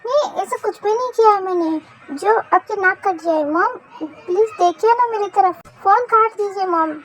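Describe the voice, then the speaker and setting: A woman's voice: very high voice, fairly even intonation, moderate pace, poor audio. A woman voicing a shy, embarrassed young woman who keeps pleading with her elders in a fan-fiction voice story. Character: shy, flustered young woman, a new bride-to-be.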